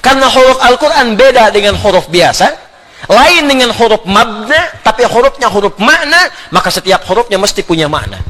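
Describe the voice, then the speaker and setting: A middle-aged man giving an animated religious lecture, often laughing and sounding out letters. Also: extremely high pitch. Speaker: Islamic preacher.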